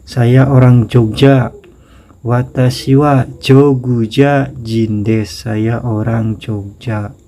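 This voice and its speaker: A man with an Indonesian accent teaching a casual grammar lesson, slowly repeating example sentences. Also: mid-range voice, steady tone, dark tone. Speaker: Japanese language teacher.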